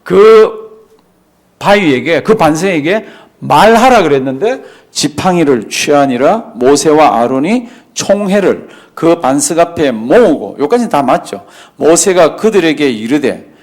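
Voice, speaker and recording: A middle-aged man, a pastor, teaching a Bible class. He reads scripture slowly and with emphasis, and keeps asking the class questions and answering them himself. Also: fairly high pitch, expressive.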